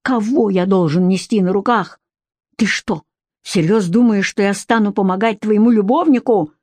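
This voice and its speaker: A man's voice: high-pitched, expressive, slow, a little mellow, dry recording. A woman doing a scornful jealous husband. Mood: angry. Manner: mocking, contemptuous, bursts of anger.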